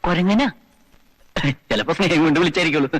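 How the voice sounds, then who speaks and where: A man's voice: fairly high pitch, fast, fairly bright tone, low-quality recording. A man playing a vain, foolish nobleman in a film comedy, speaking in a pompous, self-important way. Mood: self-satisfied. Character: vain, foolish nobleman clumsily wooing a woman. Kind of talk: broad film comedy acting. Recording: film soundtrack with music behind.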